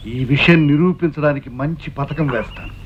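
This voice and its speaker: A man's voice: extremely high pitch, lively intonation, fast talker. An actor playing a scheming middle-aged father who bosses his son around while plotting. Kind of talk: film comedy dialogue. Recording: dull lo-fi film audio with faint hiss.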